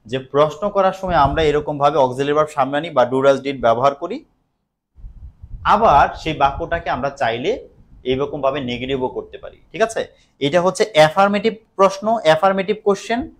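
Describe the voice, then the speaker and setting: Patient Bengali-speaking male English tutor. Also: on the high side. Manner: patient, repeats phrases and examples slowly. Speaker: English teacher. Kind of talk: recorded online grammar lesson.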